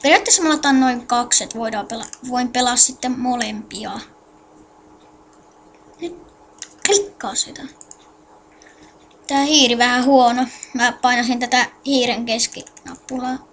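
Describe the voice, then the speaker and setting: In a casual screen-recorded game tutorial, a woman talks viewers through instructions, muttering to herself between clicks in a halting, distracted way. Her voice is a little high and fairly bright, with fairly even intonation and a slight hiss or hum.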